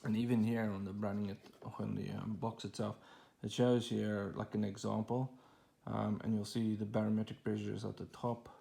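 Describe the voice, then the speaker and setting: A man's voice: on the low side, flat delivery, normal speed, gravelly, dark tone. A man casually talking through an unboxing at home, rambling with fillers and restarts as he films on a phone held in one hand. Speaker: tech channel host.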